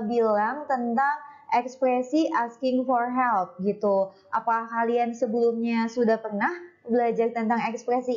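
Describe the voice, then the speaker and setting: A woman with an Indonesian accent, teaching children English phrases in a recorded lesson, speaking the model phrases slowly and lifting the pitch on a polite "please". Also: darkish tone, muffled recording.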